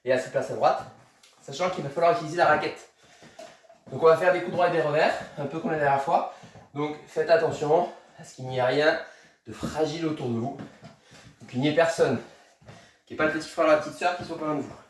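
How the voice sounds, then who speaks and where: A man's voice: a little high, fairly quick, pauses often, very echoey, far from the mic, slight background noise. A man coaching children through a tennis workout, counting reps aloud and encouraging them while he demonstrates. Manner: moving while talking, demonstrating exercises. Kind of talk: instructing a kids' home tennis workout.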